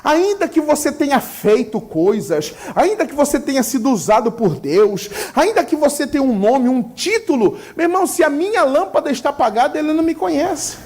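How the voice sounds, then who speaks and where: A Brazilian woman preaching a sermon who keeps asking the congregation questions and pausing for their answers. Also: high-pitched, sing-song, darkish tone. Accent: Brazilian Portuguese. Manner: asks the congregation rhetorical questions and leaves gaps for them to answer; fervent and emphatic.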